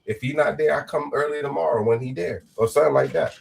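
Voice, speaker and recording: A man's voice: a little high, fast, creaky. A man co-hosting a casual panel chat, explaining at length with frequent restarts. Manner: explains at length, with repeated restarts and "you know what I'm saying". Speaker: co-host of a panel show.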